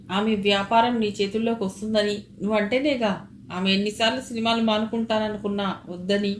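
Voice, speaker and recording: A woman reading aloud, voicing a hot-tempered man who shouts accusations, recorded with a roomy echo. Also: medium pitch, slight background noise, close to an everyday voice.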